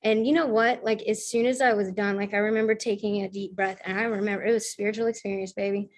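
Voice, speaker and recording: Fast-talking, with a medium-pitched voice and fairly even intonation, this woman from the American South recounts her own story at a recovery meeting. The testimony is casual and self-mocking, heavy on fillers and quoted reenactments.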